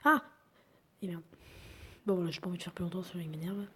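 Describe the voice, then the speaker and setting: A woman's voice: lowish voice, lively intonation, fast talker, fairly bright tone, a little hiss or hum. A young woman giving casual commentary over a video game she is playing, chatty, often dropping to a whisper as she plays. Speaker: gaming YouTuber.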